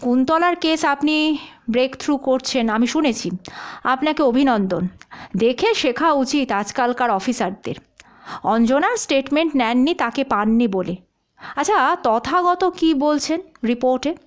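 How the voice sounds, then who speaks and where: A woman voicing a genial, easygoing male detective who talks in a relaxed way and drops in English phrases. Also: high-pitched, measured pace, highs cut off.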